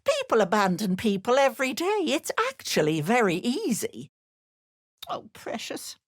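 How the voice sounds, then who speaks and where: Auntie Ethel, swooping, sly old hag. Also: female voice, fairly high pitch, wildly swooping pitch, moderate pace, dry recording, clean studio sound. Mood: mock sympathy. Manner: sugary endearments with sly, mocking menace. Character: wheedling, menacing old hag posing as kindly auntie. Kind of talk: video game character acting.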